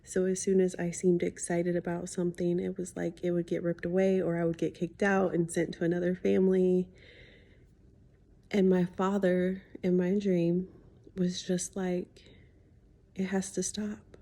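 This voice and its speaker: A woman talking reflectively in a confiding personal vlog as a healing coach, with slightly lisped speech from wearing a retainer, pausing thoughtfully and often softening to a near-whisper. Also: lowish voice, completely flat delivery, gravelly. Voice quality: slight lisp from speaking with a retainer in. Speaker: spiritual healing coach sharing a personal story.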